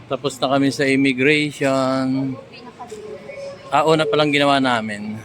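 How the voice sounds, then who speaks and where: A man's voice: mid-range voice, steady tone, moderate pace. A man with a Filipino accent chatting casually and playfully as he vlogs on a walk through an airport terminal. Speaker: travel vlogger. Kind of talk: casual walking vlog chat. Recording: faint airport background noise.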